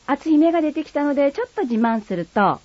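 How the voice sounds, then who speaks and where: Brief: Kagoshima-born woman running a playful dialect lesson, animated delivery, dull dry sound. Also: sits high, a little fast, dry recording. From Kagoshima, Japan. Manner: explanatory and playful, drawing out quiz words. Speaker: dialect teacher. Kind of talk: scripted mini-lesson. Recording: slightly muffled dry recording.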